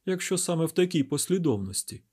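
A man reading an audiobook voices an anxious woman official, lifting his voice high and sounding nervous. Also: very animated, fast talker, a little mellow, husky. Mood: uneasy. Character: anxious female city official.

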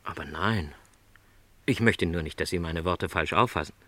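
In a radio play, an actor with a low-sitting voice plays a middle-aged travelling salesman who is gentle, earnest and lonely. He speaks at normal speed, and his phrasing is courteous, careful and apologetic.

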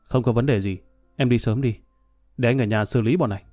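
A man's voice: mid-range voice, brisk, mellow, soft background music, close to an everyday voice. A man voicing a drunk, hot-tempered middle-aged man who rants and threatens revenge in a storybook reading. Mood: blustering. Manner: blustering, vengeful rant.

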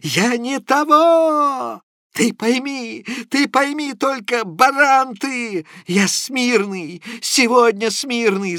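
A man's voice: extremely high pitch, bright, forceful tone, dry recording, clean studio sound, pitched above the performer's own voice, exaggerated voice. A man voicing a sick, poor old clerk who rambles in broken phrases full of fillers. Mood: agitated. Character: sick, feverish, poor old male clerk, muddled and pleading.

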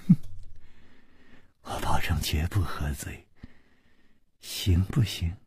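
一位男评书演员在演播一位微醺、娇嗔的年轻女子，声音轻柔压低。. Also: male voice, deep voice, slow pace, husky, dry recording, clean studio sound, voice pushed down, exaggerated voice. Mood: teasing. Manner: soft, hushed, teasing. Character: tipsy coy young woman.

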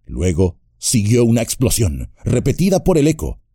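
A man narrating an audiobook with an expressive, dramatic reading style. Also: medium pitch, normal speed, slightly rough, no room sound, studio quality. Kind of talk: scripted narration.

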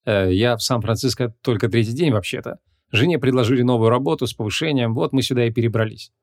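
A man's voice: mid-range voice, fast, no echo, clean studio sound, lightly acted. A man voicing a shy, modest young male rookie policeman in an audiobook. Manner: hesitant, modest.

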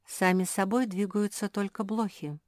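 A woman voicing a gentle, motherly female dog who speaks softly and caringly. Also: medium pitch, fairly even intonation, moderate pace, no room sound, studio quality, voice pushed up, lightly acted. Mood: sighing.

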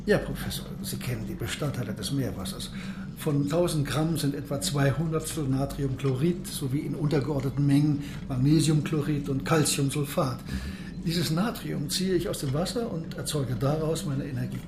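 An actor playing a proud, world-weary submarine captain in a radio play, speaking formally and with grand declamation. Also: male voice, a little high, normal speed, natural voice. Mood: confident, explaining. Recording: echoey room, background noise.

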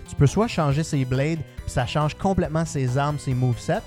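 A man's voice: fairly high pitch, moderate pace, a little mellow, soft background music. A man with a Quebec French accent, reviewing a video game in casual panel chat, enthusiastic and full of fillers.

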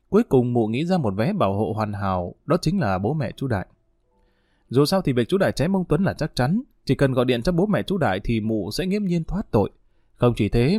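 A man narrating an audiobook story in an expressive storytelling manner. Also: mid-range voice, no room sound, studio quality.

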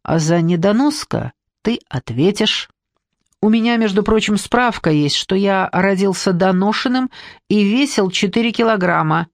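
A storyteller voicing a shrill, touchy, unkempt man with a high squealing voice, indignant and self-pitying. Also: expressive, normal speed, no room sound, clean studio sound, natural voice.

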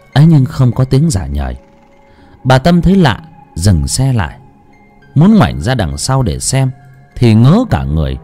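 A man narrating a ghost story with dramatic, lively storytelling. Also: medium pitch. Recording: music under the voice.

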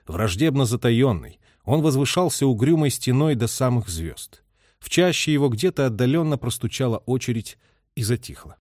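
A man reading a literary war story aloud with expressive, dramatic narration. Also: medium pitch, no echo, studio quality. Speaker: audiobook reader.

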